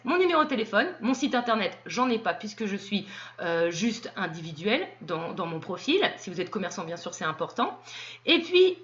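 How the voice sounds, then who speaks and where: A woman walking viewers through setting up an online seller profile, explaining step by step and pausing often with fillers. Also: a little high, a bit bright, muffled recording. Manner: hesitant, explanatory, with frequent fillers. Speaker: tutorial presenter. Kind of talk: screen-recorded software walkthrough.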